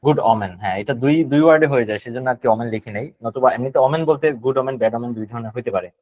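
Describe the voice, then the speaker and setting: Talking very fast in a mid-range, a little mellow voice, a Bangladeshi man explains GRE vocabulary online, thinking aloud casually and slipping English words into Bengali. The recording is muffled and has no echo.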